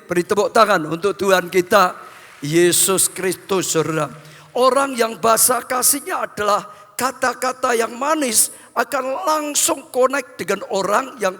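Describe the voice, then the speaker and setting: A man's voice: high voice, sharp tone. A male pastor preaching a sermon, repeating phrases and addressing the congregation directly. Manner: repetitive, addresses the congregation as brothers. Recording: long hall reverb, faint music.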